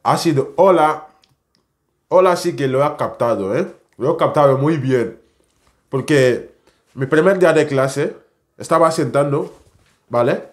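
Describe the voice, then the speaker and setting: Young man, speech; animated casual vlogger. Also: fairly high pitch, unhurried, pauses often. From West Africa. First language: French. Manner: animated, chatty, non-native Spanish with tag questions. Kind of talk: casual storytelling to camera.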